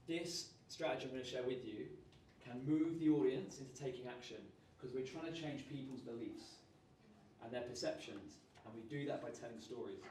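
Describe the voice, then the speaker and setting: A man, leading a lively public speaking workshop and raising and dropping his energy on purpose. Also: mid-range voice, a little hiss or hum. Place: large room at a live workshop. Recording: roomy sound, voice from far off.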